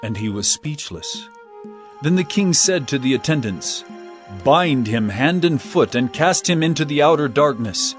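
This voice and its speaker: A male actor with a slightly high voice portrays Jesus as a calm, authoritative teacher in a dramatized scripture reading. His delivery is measured and solemn, with soft music in the background.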